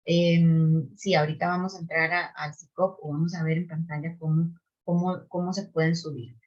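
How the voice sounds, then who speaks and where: A woman's voice: sits low, level tone, moderate pace, darkish tone. A woman presenting an online webinar and answering audience questions, explaining step by step with frequent tag questions and restarts. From Costa Rica. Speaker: webinar presenter on public procurement. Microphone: video call microphone. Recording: slightly dull video call audio.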